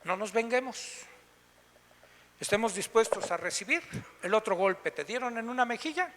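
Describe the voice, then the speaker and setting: A man's voice: high-pitched, lively intonation, moderate pace, fairly bright tone, in a large hall. A man preaching a sermon, telling stories with animation and asking rhetorical questions. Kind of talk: sermon with storytelling. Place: church meeting room.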